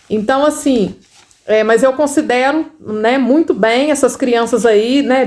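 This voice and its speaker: A first-grade literacy teacher with a Brazilian Portuguese accent talks through children's literacy work in a casual lesson. She's high-pitched and chatty, uses lots of tag questions, and slowly sounds out syllables.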